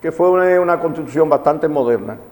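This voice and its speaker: Dominican man explaining law, higher-pitched, reverberant. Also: animated, brisk, darkish tone. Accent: Dominican Spanish. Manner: didactic, repeats key points. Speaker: magistrate, legal commentator on a TV programme. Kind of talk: explanatory legal discussion. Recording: reverberant hall-like sound.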